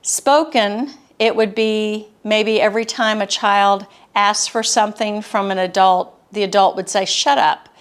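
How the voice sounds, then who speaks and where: A woman therapist giving a calm, steady, explanatory talk about childhood experiences. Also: medium pitch, a little slow, hardly any pauses, clear, resonant tone. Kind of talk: educational talk to camera.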